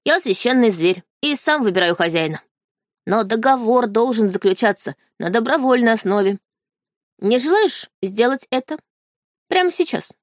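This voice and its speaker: A woman reading an audiobook, voicing a calm, indifferent male sacred beast in the form of a boy. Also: a little high, moderate pace, no echo, studio quality, close to an everyday voice. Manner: calm, indifferent, matter-of-fact.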